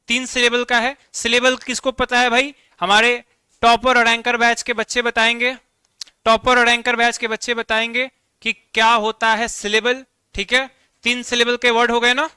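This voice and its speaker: A man's voice: very high-pitched, bright, forceful tone, clean tone, no room sound, studio quality. A man teaching a vocabulary lesson online, explaining words with everyday examples and often checking in with the class. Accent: Bihari Hindi.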